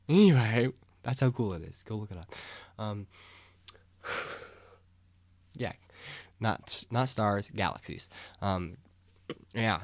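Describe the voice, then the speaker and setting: A young man talking in a rambling, casual monologue. He gets excited, loses his train of thought and swears freely. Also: on the low side, no echo.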